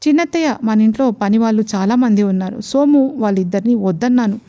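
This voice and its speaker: A calm, clever young wife from a storybook romance, patient and gently persuasive, as a woman narrator voices her. She explains things softly and steadily, never raising her voice. Her tone is fairly high and mellow. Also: quick pace, muffled recording, close to an everyday voice.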